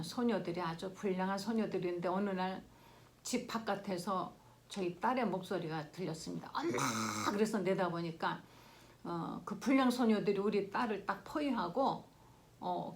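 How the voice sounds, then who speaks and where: An older woman pastor preaching a sermon in an earnest storytelling way, swinging between loud exclaiming and hushed whispers. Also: mid-range voice.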